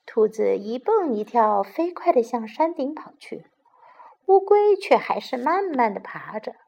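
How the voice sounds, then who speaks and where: A woman tells a children's story in a slow, animated way, with her pitch moving up and down a lot. Her voice is a little higher than most and has a gravelly edge. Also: highs cut off. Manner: tells the story in Chinese and repeats English lines. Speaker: children's storyteller and English teacher. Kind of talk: bilingual children's story narration.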